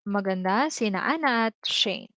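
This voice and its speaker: A woman with a Filipino accent teaches a livestream language lesson, explaining patiently and repeating each example. Her voice is smooth and clear, recorded close and dry with no room echo. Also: medium pitch, lively intonation, fairly bright tone. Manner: explains slowly, repeating examples, many "no" and "okay" tags. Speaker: Tagalog teacher.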